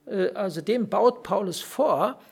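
A preacher delivers an earnest sermon with a gravelly, husky voice. Key phrases are stressed by repetition, with pauses to search for words. The pitch sits in a middle range. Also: expressive. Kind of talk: sermon on a Bible passage.

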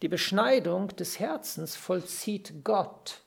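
Gravelly, husky-voiced preacher. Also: mid-range voice, lively intonation. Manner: earnest, emphatic repetition of key phrases; pauses to search for words with fillers. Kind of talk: sermon on a Bible passage.

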